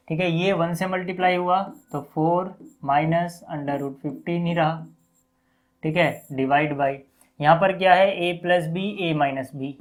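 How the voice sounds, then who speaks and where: A man with an Indian accent teaching a maths lesson, explaining each step slowly and asking questions back to his students. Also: fairly high pitch, low-quality recording. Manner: repeats questions back to students, frequent check-ins.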